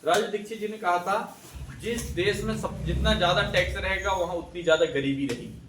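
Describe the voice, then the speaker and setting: A man's voice: high-pitched, a little fast, noisy background. A man teaching a classroom, quizzing his students and repeating their answers back to them. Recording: echoey room, voice from a distance.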